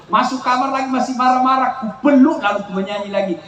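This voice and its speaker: A man's voice: very high-pitched, fast, fairly bright tone, roomy sound, low-quality recording. A man with a Makassar Indonesian accent preaching a humorous sermon to a crowd, telling comic stories and teasing the audience. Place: outdoor town square gathering.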